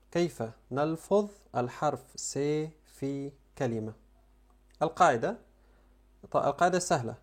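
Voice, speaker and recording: A man's voice: a little high, darkish tone. Arabic-speaking man teaching French sounds. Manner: slow, repeats each sound and word carefully. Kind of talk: language lesson.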